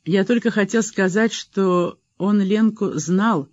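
A man's voice: high-pitched, slow pace, dry recording, lo-fi sound, pitched above the performer's own voice. A man reading an audiobook, voicing a frightened, guilty man pleading and apologizing to his boss. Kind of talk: audiobook character voice.

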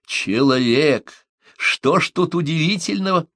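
A big island woman who booms and teases, her voice pitched well up and pushed loud over everything she says, as a male audiobook reader puts her on. She mocks in a rolling, forceful way. The reading is dry and close, with no room around it. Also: expressive, unhurried, no room sound. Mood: teasing. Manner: booming, mocking, laughing through words. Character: huge laughing Tahitian woman, teasing.

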